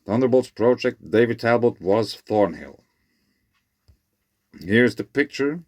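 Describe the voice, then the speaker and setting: A man with whistling s sounds reads his own research paper aloud, breaking off for informal asides in a halting, self-correcting way. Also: medium pitch, animated, dry recording, studio quality.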